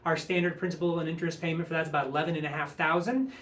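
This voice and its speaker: A man's voice: fairly high pitch, fairly even intonation, rapid-fire, fairly bright tone. A man giving an earnest, upbeat update speech to a church congregation as one of its leaders. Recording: echoey room.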